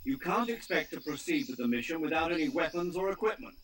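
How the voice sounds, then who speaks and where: An actor playing an authoritative male military commander in a video game, giving crisp, instructive briefings. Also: on the high side, expressive, fast, a bit bright, a little hiss or hum, poor audio. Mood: stern.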